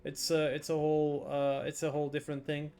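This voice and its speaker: A man's voice: a little high, completely flat delivery, fairly quick, dark tone, smooth. A man streaming a game live, chatting casually and reacting aloud as he plays and reads chat.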